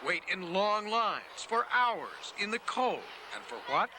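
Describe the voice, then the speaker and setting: A man's voice: high-pitched, sing-song, measured pace. An American man narrating a scripted television news report as a correspondent, in the manner of a news anchor. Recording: clear background noise, 1990s TV news report.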